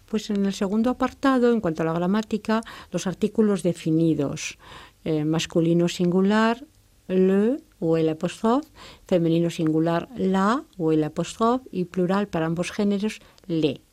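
A woman teaching French, explaining sounds and grammar with a clear, careful delivery and French examples. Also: fairly low pitch, normal speed, a little mellow.

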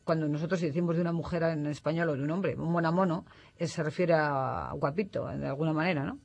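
A man's voice: fairly high pitch, brisk, creaky, highs cut off. A man from Spain, explaining as an expert guest on a radio talk show, in a didactic manner that often tags statements with a questioning "no". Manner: didactic, tags statements with "¿no?", corrects himself mid-sentence.

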